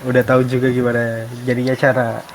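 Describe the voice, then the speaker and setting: A man's voice: medium pitch, completely flat delivery, quick pace, a little hiss or hum, low-quality recording. A man co-hosting a casual chat, easygoing as he wraps up the topic.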